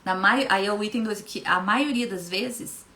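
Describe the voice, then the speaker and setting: A hypnotherapist streaming live talks to her viewers in a medium-pitched, pushed, bright voice at a moderate pace. Her casual motivational talk is emphatic, full of repeated key phrases and greetings to viewers by name.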